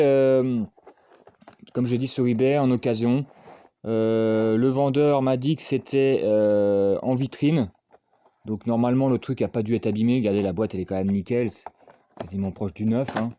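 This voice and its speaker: A man's voice: medium pitch, dark tone, no echo, studio quality. A man chatting casually while unboxing collectibles, rambling with lots of fillers and self-mocking asides. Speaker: unboxing vlogger.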